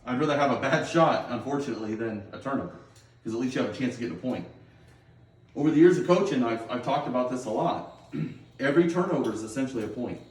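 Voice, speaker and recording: A middle-aged man coaching a team through a pregame pep talk, heard from a distance in a roomy, echoing space. His voice sits at an ordinary male pitch. He is plain-spoken and instructive, checking often that players follow. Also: fast. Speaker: high school girls' basketball coach. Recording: roomy echo, distant microphone.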